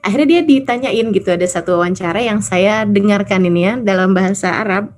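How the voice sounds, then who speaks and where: A woman's voice: medium pitch, quick pace, a little hiss or hum. A woman preacher, giving a casual sermon and telling stories while acting out the people in them. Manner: chatty storytelling, acts out quoted voices.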